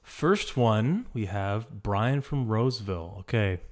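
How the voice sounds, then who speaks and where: A man's voice: fairly low pitch, lively intonation, slow pace, a little mellow, slight background noise. A man hosting a casual solo podcast from a small room, rambling with stammered restarts and fillers. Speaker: podcast host. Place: small hot room indoors.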